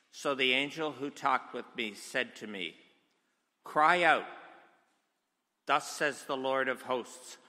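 A man reads scripture aloud at a slow, deliberate pace in a formal, declamatory way. His voice is bright and forceful. It rings out with the long reverb of a large church. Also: mid-range voice. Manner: solemn, declamatory. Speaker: scripture reader.

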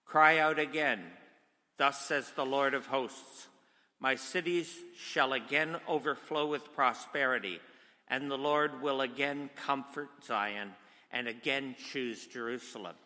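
Slow, bright-voiced man reading in echoing church. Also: mid-range voice. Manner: solemn, declamatory. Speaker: scripture reader. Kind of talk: formal church scripture reading. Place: large church, indoors. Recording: church hall with long reverb.

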